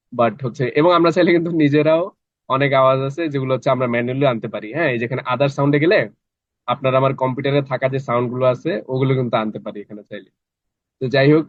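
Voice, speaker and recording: A man's voice: mid-range voice, dry recording. A man teaching a live online class in a chatty way, often checking in with his students. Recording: dry, slightly dull online class audio.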